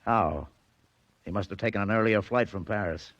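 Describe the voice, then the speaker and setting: An American man playing a gruff, sardonic police detective in a 1940s radio drama, talking in curt sarcastic lines. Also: on the low side, moderate pace, a bit bright, dry recording, lo-fi sound, close to an everyday voice. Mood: grim. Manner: curt, sarcastic, clipped tough-cop talk.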